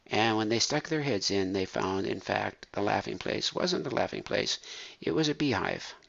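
A man telling a true story in an unhurried, animated, folksy way. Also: on the low side, gravelly. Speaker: storyteller recounting a true case. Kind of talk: spoken storytelling. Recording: dull lo-fi recording.

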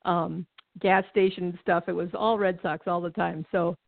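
Fairly low and gravelly, the voice belongs to a middle-aged New England woman from Connecticut who used to run a baseball team and is now a phone-in guest on a talk show. She speaks at a measured pace with fairly even intonation, laughing often in a relaxed chat, and the line is tinny, dry, and free of room sound.

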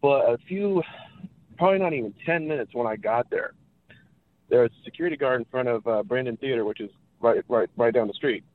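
A man from California calls in to a radio show over a tinny, dry phone line, offering an earnest opinion. His medium-pitched voice moves a little fast, and he repeats himself for emphasis.

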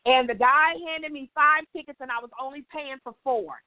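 An older woman leading an informal Bible study, a chatty, animated storyteller who acts out dialogue and keeps checking in with her listeners. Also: high-pitched, normal speed, dry recording. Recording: tinny phone-line audio, dry.

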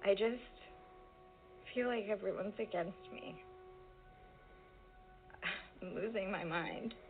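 An actress playing an overwhelmed young woman, rambling and halting, close to tears. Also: medium pitch. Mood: distraught. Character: overwhelmed young woman at her wits' end. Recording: tinny phone-like audio with soft music.

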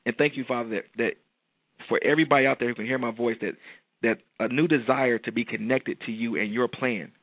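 A man's voice: medium pitch, fairly even intonation, fairly quick, dry recording, phone-quality sound. A man giving motivational, preacher-like speech, emphatic and repeating his phrases like a refrain. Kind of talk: motivational speech turning into prayer.

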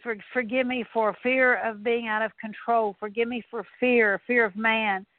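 Leading a spoken prayer of repentance, a woman works earnestly through one confession after another in a steady, somewhat high voice at a moderate pace. It comes through a dry, tinny, phone-like line with no room sound.

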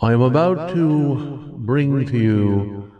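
A man's voice: mid-range voice, expressive, slow, distant mic, muffled recording. A man opening his internet radio show with a heavy echo effect on his voice, drawing the words out and half singing them. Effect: heavy echo effect on his microphone. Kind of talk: slow drawn-out show opening. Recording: voice drenched in artificial echo.

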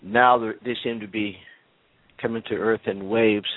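A man hosting a radio show asks his questions in long, meandering, hesitant turns. His voice is on the low side. The sound is dry and thin, like a phone line. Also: fairly even intonation, moderate pace, no echo. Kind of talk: radio interview.

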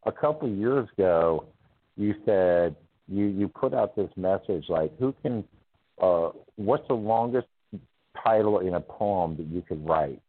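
A man's voice: deep voice, expressive, unhurried. A man calling into a radio show over a phone line, rambling and chatty and laughing often. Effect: call-in voice over a phone line.

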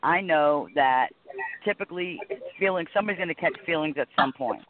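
A woman's voice: low voice, a little fast, noisy background. A woman in her forties chatting casually as a guest on a talk show. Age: 40s. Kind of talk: casual chat. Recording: dry, tinny phone line.

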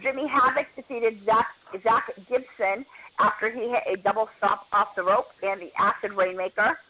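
A woman's voice: on the high side, fairly even intonation, normal speed. A woman co-hosting a podcast, chatting casually and telling stories as she runs through match results. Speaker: podcast co-host. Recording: tinny phone-like audio.

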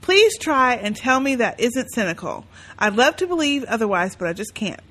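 A woman co-hosting a podcast chats and reads listener emails aloud, blunt and sarcastic and swearing freely. Her voice is fairly high and a bit bright, very animated, at a moderate pace.

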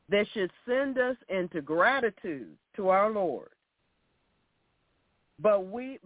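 A man delivers an exhorting sermon in a notably high voice. He takes his time, stressing and repeating phrases as he admonishes his listeners. The sound is thin and narrow, like a phone line. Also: no room sound. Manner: emphatic, deliberate, repeats phrases. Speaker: preacher. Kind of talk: sermon with scripture readings.

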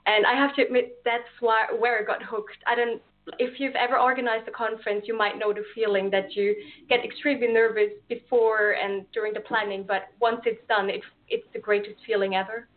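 A young woman with an Austrian accent is interviewed casually over a phone-like call as a guest and event organizer. Her voice is on the high side and flat, a little fast, and her manner friendly and earnest, with occasional fillers and restarts.

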